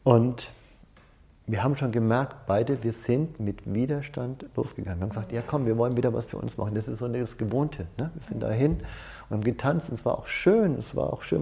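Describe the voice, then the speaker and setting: Here the seminar leader's medium-pitched voice sounds gravelly and dark, and he talks briskly. It's casual, chatty seminar talk full of personal anecdotes, with short tag questions tossed in often.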